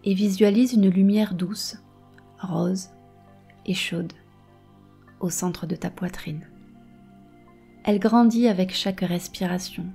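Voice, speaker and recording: A woman guiding a meditation softly and slowly, close in your ear, with a breathy voice that often slips toward a whisper. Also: mid-range voice, fairly even intonation, faint music behind. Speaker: meditation and hypnosis guide. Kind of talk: guided meditation, soft and slow.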